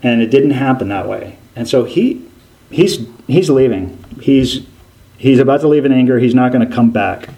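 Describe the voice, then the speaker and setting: Animated male preacher telling a story. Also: medium pitch, moderate pace, vocal fry, rough recording. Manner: animated storytelling with frequent restarts. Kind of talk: sermon.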